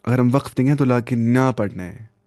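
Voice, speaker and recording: A man teaches Quran reading in a live online class over a video call, patient and repeating each term several ways. His voice has a gravelly edge and a dark, relaxed tone. The sound is close and dry, with no room around it. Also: medium pitch, no room sound. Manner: patient, explains by repeating terms. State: sleepy.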